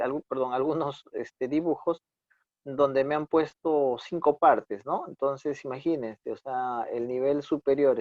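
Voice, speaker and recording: A man with a Peruvian Spanish accent teaching an online class, patiently correcting his students and tagging his sentences with quick checks. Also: mid-range voice, a little mellow, no echo. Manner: corrective, patient, repeats "¿no?" often. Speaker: instructor. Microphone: computer mic on a video call. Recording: dull dry video-call audio.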